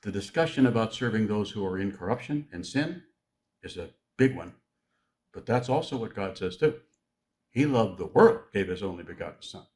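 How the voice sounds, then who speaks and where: A man preaching a sermon in a conversational teaching style, joking with the congregation and slowing down to stress key words. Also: lowish voice, lively intonation, a little mellow.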